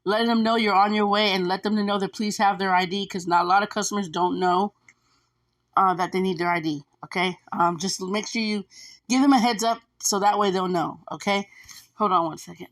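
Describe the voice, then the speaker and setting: A gig delivery driver addresses her viewers in a laid-back advice vlog, chatty and repetitive with plenty of fillers. Her voice is medium-pitched and steady, moving a little fast.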